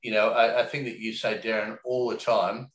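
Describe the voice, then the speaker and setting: A man's voice: lowish voice, level tone, normal speed, a bit bright. A man talking casually and reflectively, rambling with lots of fillers and the odd swear word. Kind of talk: casual conversation. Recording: echoey room.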